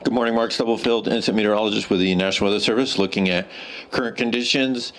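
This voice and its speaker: A man's voice: lowish voice, fairly even intonation, fast talker, a bit bright, rough recording. An American man, a meteorologist, delivering a formal weather briefing full of figures. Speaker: incident meteorologist.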